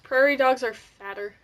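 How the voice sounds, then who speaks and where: A tired teenage girl chats on a podcast in a fairly high voice. She mostly answers her co-host with short, dry, teasing quips. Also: a little slow, fairly bright tone. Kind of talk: casual chat.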